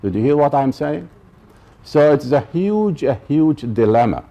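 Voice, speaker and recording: A man's voice: on the high side, animated, a little slow, dark tone. A man from Iraq gives a college lecture, stressing and repeating his key points and checking that the audience follows. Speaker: professor giving a public talk.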